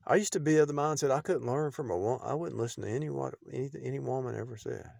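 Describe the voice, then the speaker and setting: Speaking fast in a gravelly, medium-pitched voice, a middle-aged man delivers a loose, unscripted sermon-like monologue. He repeats himself, restarts sentences, and his volume dips often, all recorded in studio quality without echo.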